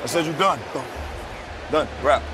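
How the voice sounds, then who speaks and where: A man's voice: a little high, unhurried. A man, a football coach, giving profane, fired-up sideline talk in a stadium. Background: music.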